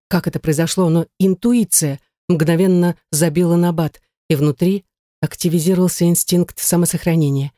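A woman's voice: lowish voice, warm tone, no room sound, studio quality. Woman narrating a suspense novel. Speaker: audiobook narrator. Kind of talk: scripted first-person narration of a novel.

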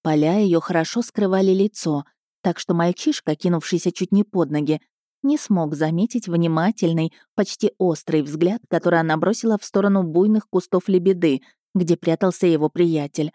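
A woman narrates an audiobook in measured, even storytelling. Her voice sits low with a mellow, warm tone, recorded dry and close. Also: no room sound.

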